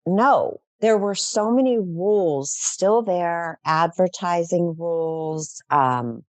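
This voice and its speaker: A woman's voice: fairly low pitch, takes it slowly, no room sound. A middle-aged woman talking as a guest in a casual podcast interview, enthusiastic and effusive, rambling with fillers.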